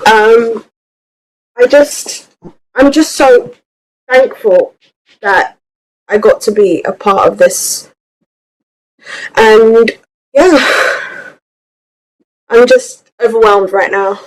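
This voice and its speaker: A woman guest, an actress, speaking softly and haltingly, moved by the moment. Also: a little high, poor audio. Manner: soft-spoken, halting, moved. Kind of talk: casual interview answers.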